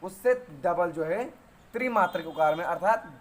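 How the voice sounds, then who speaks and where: A man's voice: high-pitched, animated. Patient Hindi-speaking man teaching grammar. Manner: patient, repeats terms and counts out vowels slowly. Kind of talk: spoken lesson, explaining sutras.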